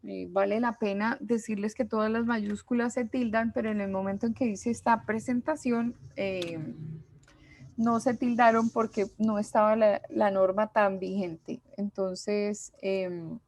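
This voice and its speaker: A woman teacher, giving a class lecture patiently and slowly, with many pauses and fillers. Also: mid-range voice, steady tone, a little mellow, dry recording.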